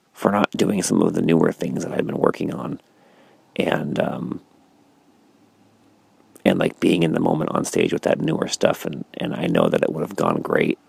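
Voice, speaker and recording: Very low gravelly man, sleepy ramble. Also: darkish tone, no echo. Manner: rambling, self-reflective, frequent fillers and restarts. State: sleepy, yawning. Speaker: stand-up comedian. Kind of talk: casual vlog monologue.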